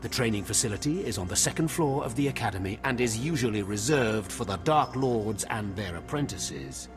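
A man's voice: on the low side, expressive, a little fast, over music, close to an everyday voice. A man voicing a scornful Sith overseer. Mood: contemptuous. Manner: cold, scornful, commanding. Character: harsh male Sith overseer, contemptuous bully. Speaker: academy overseer.

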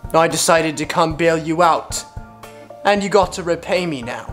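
A loud, cocky male weasel with a put-on British accent, tossing slang at everyone in a plush puppet comedy, as a performer voices him. His voice sits at an ordinary pitch and keeps pushing forward. Light background music plays beneath. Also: moderate pace, natural voice.

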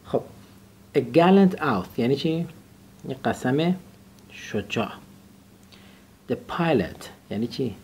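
Gravelly male English teacher drilling vocabulary. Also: medium pitch, very animated, pauses often, darkish tone, slight background noise. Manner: drills words and has the student repeat them. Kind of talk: classroom vocabulary lesson.

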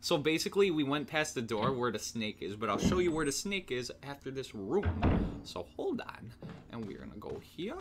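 Male gamer commentating, joking, laughing a lot, lively up-and-down pitch, noisy recording. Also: moderate pace. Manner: jokey, laughs often, swears casually. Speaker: let's play gamer. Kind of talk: casual gameplay commentary.

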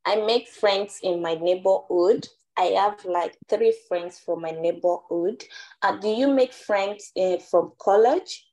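A woman's voice: medium pitch, slow pace, dark tone, poor audio. A young woman with a Nigerian accent, taking part as a candidate in a question-and-answer speaking test. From Ondo State, Nigeria.

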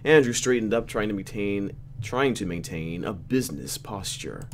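Soft music plays behind this let's play host as he reads through a visual novel at a moderate pace. His fairly low voice is expressive, and he mixes casual narration and gameplay commentary with slangy, mock-exasperated remarks.

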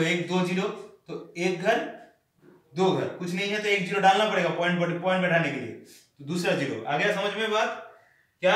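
A man's voice: sits high, a bit bright. A man teaching a maths class, explaining step by step and checking often whether the students have understood. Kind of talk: classroom lesson. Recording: echoey room, far from the mic.

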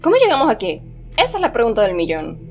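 A woman's voice: fairly high pitch, huge pitch swings, fast, darkish tone, slight background noise. A young woman commenting on a horror game as she plays it, joking with viewers and letting out sudden shrieks. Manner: nervous, jokey, talks to viewers, sudden shrieks. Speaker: gameplay streamer.

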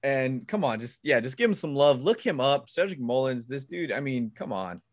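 A young man co-hosting a casual sports podcast, excitable and quick to exclaim, often restarting his sentences. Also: medium pitch, dry recording, clean studio sound. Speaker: podcast co-host.

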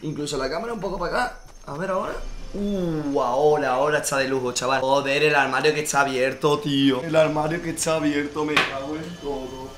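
Young Spanish gaming creator, high and rapid, eager commentary with sudden shouts. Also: male voice, slight background noise. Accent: Spain Spanish. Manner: excitable, talks to viewers, bursts into shouts. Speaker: gaming youtuber. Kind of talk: live gameplay commentary.

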